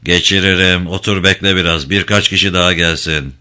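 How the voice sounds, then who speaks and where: A man voicing a gruff, cynical river ferryman in his forties who talks bluntly in a storybook reading. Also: sits low, fairly even intonation, brisk, pushed and bright. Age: 40s.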